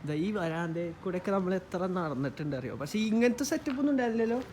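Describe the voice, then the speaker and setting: Young man, high voice, Malayalam-English mix. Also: animated, fast talker, background noise. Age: young adult. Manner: mixes English words into Malayalam. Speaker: vlogger. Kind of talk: casual chat with friends on a vlog.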